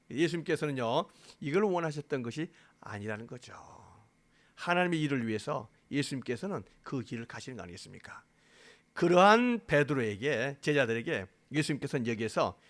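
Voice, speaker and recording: A man's voice: a little high, fairly bright tone. A man preaching a sermon to his congregation as pastor, speaking emphatically, asking them questions and acting out quotes. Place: church sanctuary.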